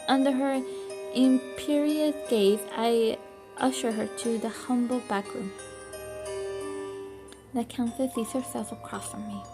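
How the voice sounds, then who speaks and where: A woman streaming a story game live, reading the narration aloud and making casual asides. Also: on the high side.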